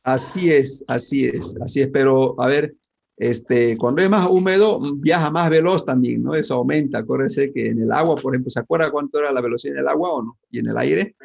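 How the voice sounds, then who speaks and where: A male physics teacher, talking through a lesson and tossing question after question at his class. His voice is gravelly and husky at a middle pitch. It comes through a dull, lo-fi mic. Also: fairly quick, a little mellow. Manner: asks the class questions constantly, with many tag questions. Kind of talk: online class lecture.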